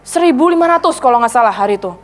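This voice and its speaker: A woman evangelist preaching a sermon, retelling testimonies and acting out the people she quotes in a lively way. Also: on the high side, rapid-fire, faint music behind.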